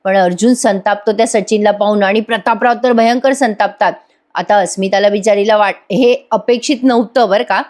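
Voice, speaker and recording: A woman's voice: mid-range voice, steady tone, moderate pace, darkish tone. Chatty lady doing a serial recap voice-over, talks right to the viewers. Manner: chatty, addresses viewers directly. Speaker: TV serial reviewer.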